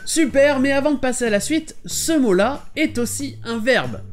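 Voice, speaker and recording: Lively man teaching pronunciation. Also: extremely high pitch. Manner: clear, explanatory, modelling words slowly. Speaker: English teacher and channel host. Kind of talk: scripted pronunciation lesson. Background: soft background music.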